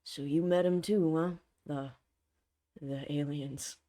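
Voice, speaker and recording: A woman's voice: low voice, fairly even intonation, slow pace, dark tone, pitched below the performer's own voice. A woman voicing a defensive, swearing adult male drug dealer who rambles as he justifies himself. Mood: rambling.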